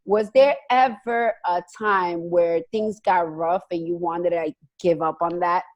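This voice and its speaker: A woman's voice: fairly low pitch, fairly even intonation, measured pace, lo-fi sound. A woman hosting an interview over a video call, chatty and enthusiastic. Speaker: host. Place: home, joining by video call.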